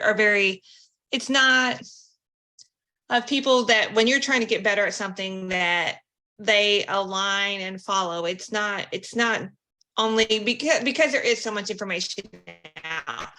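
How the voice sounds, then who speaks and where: Female podcast host, bright forward tone, encouraging, conversational, working out thoughts as she speaks. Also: medium pitch, a little slow. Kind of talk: casual interview hosting.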